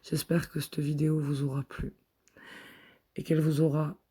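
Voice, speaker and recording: A man guiding a chakra meditation, speaking soft, repetitive affirmations in the first person. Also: a little high, level tone, moderate pace, a little hiss or hum. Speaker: meditation guide.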